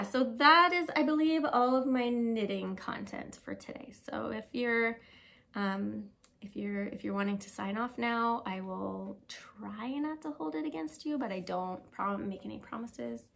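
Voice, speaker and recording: A woman's voice: on the high side, unhurried, gravelly, fairly bright tone. A woman vlogging about knitting from her home knitting room, chatting casually, self-deprecating and swearing now and then. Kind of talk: casual chat to camera.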